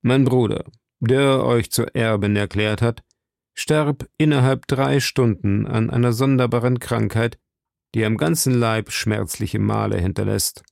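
A man's voice: mid-range voice, steady tone, measured pace, gravelly, darkish tone, no room sound, clean studio sound. A male reader voicing a stern English lord who accuses in a firm, indignant way. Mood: accusing.

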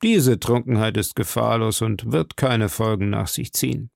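A man's voice: fairly low pitch, moderate pace, creaky, darkish tone, no room sound, studio quality. A man reading a sneering English lord. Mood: scornful. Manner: sneering, mocking. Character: mocking, scornful English nobleman. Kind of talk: audiobook character voice.

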